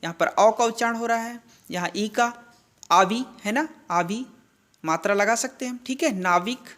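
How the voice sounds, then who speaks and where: A woman's voice: a little high, a bit bright. A woman teaching a grammar lesson, asking questions and answering them herself, with frequent check-ins to her listeners. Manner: slow, deliberate spelling-out of sounds. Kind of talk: classroom-style grammar lesson.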